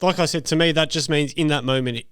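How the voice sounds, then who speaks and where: An Australian man co-hosting a football podcast in a studio, animated and swearing freely. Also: on the high side, quick pace, crowd noise. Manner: animated, swearing, restarts sentences. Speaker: podcast co-host. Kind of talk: casual football chat.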